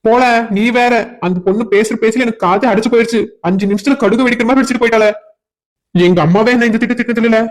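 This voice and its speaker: A man with a south Tamil accent voices a cartoon drama in a joking, flustered way. He speaks at a brisk pace. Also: very high-pitched. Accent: south Tamil Nadu dialect. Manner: joking and flustered, laughs between lines. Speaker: voice actor for a cartoon series.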